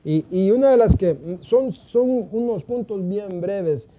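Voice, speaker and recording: A man co-hosting a church TV program, speaking haltingly in a devotional talk, often affirming with amen. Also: high-pitched, animated, warm tone. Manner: affirming, halting, with frequent amens. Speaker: church TV co-host.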